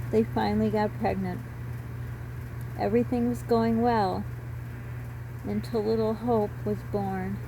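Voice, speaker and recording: Halting woman talking over a noisy fan. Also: on the high side. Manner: halting, in short broken phrases. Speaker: storyteller sharing personal reflections. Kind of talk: unscripted, reflective personal talk. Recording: steady noise of a running fan. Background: electric fan running.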